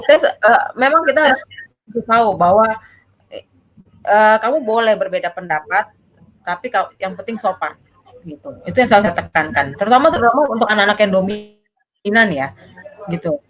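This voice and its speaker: On a low-quality recording, a woman child psychologist with a slightly high, fairly bright voice talks casually about parenting. Her explanations are patient and full of tag phrases, and she keeps saying "gitu ya".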